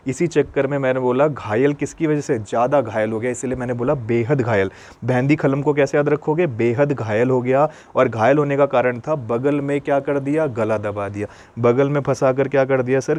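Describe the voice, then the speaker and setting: A man's voice: medium pitch, a little mellow. A male teacher giving an exam-prep lesson. He quizzes his pupils, answers his own questions and repeats memory tricks, calling them "dear children". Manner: calls listeners "dear children".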